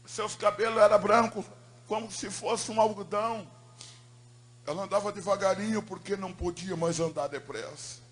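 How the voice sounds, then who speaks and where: A man giving an emotional preaching testimony, telling his story dramatically and moving between loud swells and hushed tones. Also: high-pitched, steady tone, normal speed.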